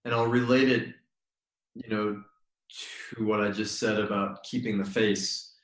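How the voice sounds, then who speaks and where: A man's voice: lowish voice, flat delivery. Thoughtful man telling a story, roomy sound. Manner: thoughtful, unhurried, with frequent ums and pauses. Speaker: guest, yoga teacher. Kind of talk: relaxed storytelling in conversation. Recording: roomy echo.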